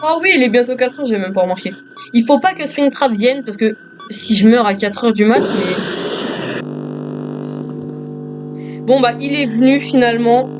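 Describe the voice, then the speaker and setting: A man's voice: extremely high pitch, moderate pace, pauses often, over music. A male gamer doing joking commentary on a horror game, talking to himself and to viewers as he plays.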